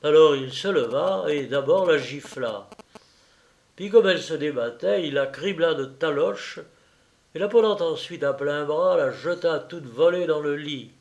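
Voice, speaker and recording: A man reading a story aloud in a deliberate, dramatic narrating voice. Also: a little high, gravelly, a little mellow.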